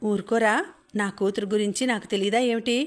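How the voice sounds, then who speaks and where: A woman's voice: mid-range voice, fairly even intonation, a little fast, natural voice. A woman voicing a worried, doting middle-aged mother who pleads and fusses over her daughter, in an audiobook. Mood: coaxing.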